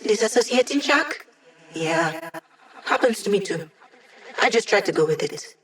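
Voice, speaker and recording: A woman's voice: a little high, sing-song, unhurried, a bit bright, full character voice. A woman voicing a playful young female hacker in a video game, with a casual, wry, teasing manner. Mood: playful, offhand.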